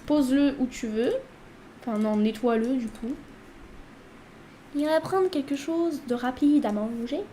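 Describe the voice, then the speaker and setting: High-pitched woman chatting thru a sims let's play, warm mellow tone, bosses her sim around. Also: unhurried, pauses often, a little hiss or hum. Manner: chatty, talks to her character. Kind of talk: casual gameplay commentary.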